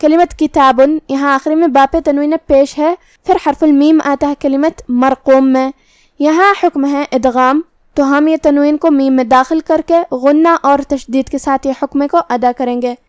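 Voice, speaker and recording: High-voiced woman teaching Quran recitation rules. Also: steady tone, darkish tone, no echo, clean studio sound. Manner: methodical, explains each rule step by step. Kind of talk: tajweed lesson explaining rules.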